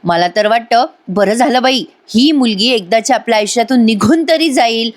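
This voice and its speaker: A woman reading out a sharp-tongued scornful young woman. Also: normal speed, close to an everyday voice. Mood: taunting. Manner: taunting, shrill complaints.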